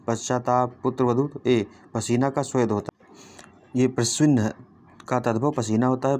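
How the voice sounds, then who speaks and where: A man's voice: medium pitch, darkish tone. A man working through an exam paper, reading each question and its options aloud and explaining the answers, often stopping short to correct himself. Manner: reads out options then explains, with false starts. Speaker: exam tutor.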